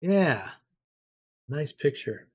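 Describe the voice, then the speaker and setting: An older man streaming a trucking game, chatting casually in a relaxed, unhurried way as he greets viewers and answers their comments. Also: fairly high pitch, breathy edge. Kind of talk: casual live-stream commentary while playing.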